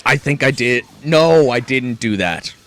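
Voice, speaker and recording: A man's voice: medium pitch, expressive, measured pace, a bit bright. A man live-streaming a game, chatting casually with rambling asides and fillers. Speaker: gaming streamer.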